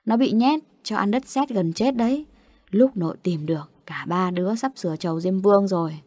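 A woman's voice: medium pitch, normal speed, dark tone, no room sound, natural voice. A stern old grandfather who lectures his grandchildren with grave weight, as a woman reads him in a storybook. The voice sits in a middle register and sounds close and dry, with no room around it. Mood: solemn. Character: stern grieving old grandfather, village elder.

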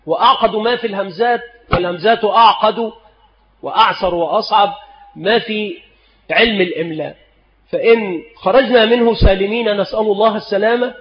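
A man teaching spelling rules in a deliberate lecture, repeating each rule and example. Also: high voice, a little hiss or hum. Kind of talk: recorded lecture. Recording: dull lo-fi recording in a reverberant hall.

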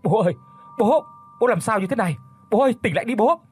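Người con trai hốt hoảng, nóng nảy, do một người đàn ông lồng tiếng, hét to, giọng cao vút, nhạc nền nhẹ phía sau. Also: male voice, expressive, quick pace, slightly rough, soft background music. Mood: frantic. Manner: loud, high, shouting calls. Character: adult son, frantic and hot-tempered.

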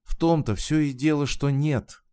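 A man's voice: fairly high pitch, warm tone, clear, resonant tone, voice pushed up, close to an everyday voice. A man doing a frightened young woman near tears. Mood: pleading. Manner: pleading, halting, raised voice.

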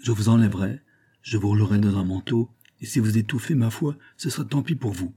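A huge masked giant who booms out mocking threats, as a male narrator puts him on. His voice is low, dark and husky. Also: a little fast. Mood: menacing. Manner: booming, threatening.

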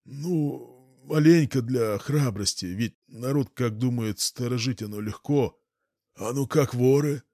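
A man's voice: mid-range voice, dry recording, studio quality. A man voicing a frightened, drunk old village morgue watchman who stammers and whines. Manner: stammering, wheedling, self-pitying.

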